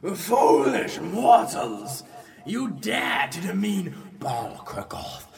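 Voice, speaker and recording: An actor playing a pompous, easily offended elder demon stuck in a fridge, booming theatrically, sounding distant from the mic. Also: male voice, wildly swooping pitch, extremely slow, gravelly, exaggerated voice. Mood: indignant.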